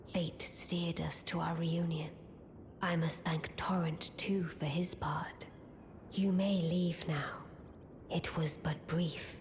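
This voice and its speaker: An actress playing a haughty, enigmatic witch in a doll's body for a video game, breathy and formal in archaic speech. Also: lowish voice, noisy background. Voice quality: breathy, whispery. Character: haughty, enigmatic young witch inhabiting a small doll.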